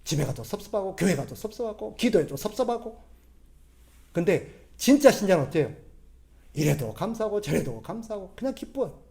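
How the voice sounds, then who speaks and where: High-voiced pastor. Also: male voice, sing-song, a little fast, darkish tone. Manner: conversational, asks the congregation questions; acts out quoted voices in a gruff tone. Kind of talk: sermon.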